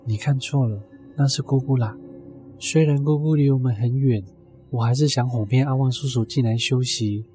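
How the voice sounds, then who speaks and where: A man's voice: medium pitch, dark tone. A man narrating a scripted first-person ghost story as a storyteller. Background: music.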